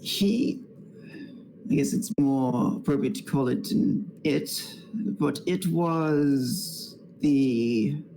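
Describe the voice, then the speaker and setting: A man voicing the formal, measured queen of a dragon isle in a tabletop game, speaking with some hesitation. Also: fairly high pitch, warm tone, slight background noise, voice pushed up, low-quality recording.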